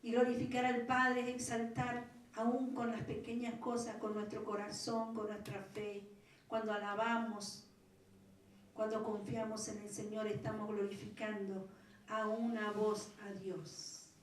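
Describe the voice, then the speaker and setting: A middle-aged woman pastor with an Argentine accent, preaching a fervent Pentecostal sermon that swells into loud pleas. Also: medium pitch, little pitch movement, unhurried, a little hiss or hum. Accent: Argentine Spanish. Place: large church hall. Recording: very echoey hall, voice from far off.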